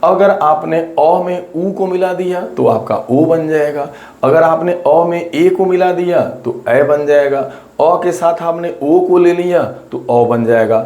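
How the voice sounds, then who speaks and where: A man's voice: fairly high pitch, unhurried, a little mellow. Guy teaching exam grammar, goes over each point again and again, voice bounces around the room. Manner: explains step by step, repeats points, addresses students directly. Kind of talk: exam-prep grammar lesson. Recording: roomy echo.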